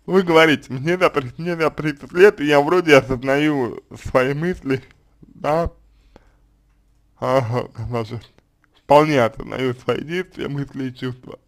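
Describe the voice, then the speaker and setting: Calm, hesitant man giving advice. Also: a little high, unhurried. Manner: hesitant, many fillers and restarts. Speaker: consultant answering a question. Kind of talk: unscripted spoken advice.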